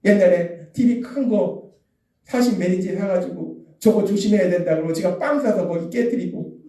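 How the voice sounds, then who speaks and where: A man's voice: high voice, moderate pace, mellow. A man preaching a Sunday sermon, emphatic, repeating key phrases and acting out the lines he quotes. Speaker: pastor. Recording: echoey room, voice from a distance.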